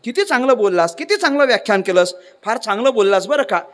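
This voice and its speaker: A man's voice: sits high, big pitch swings, fast talker, a bit bright. A man playing a mild, wry male scientist who praises in an easygoing, fatherly way, as a story within a sermon. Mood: approving. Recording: long hall reverb.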